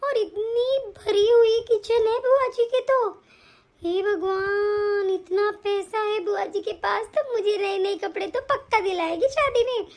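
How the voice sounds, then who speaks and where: An earnest young village girl in a cartoon wonders aloud in a very high, bright voice, played by a woman. She is hardworking and sincere, thinking out loud as she goes. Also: a little slow. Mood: amazed. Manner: earnest, wondering, talks to herself. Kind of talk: cartoon voice acting.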